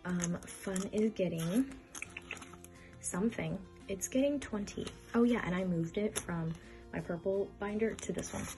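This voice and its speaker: A woman in her twenties chatting casually as she counts bills aloud and stuffs budget envelopes, getting flustered now and then. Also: medium pitch. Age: 20s. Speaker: budgeting vlogger. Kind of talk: casual cash-stuffing vlog. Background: background music.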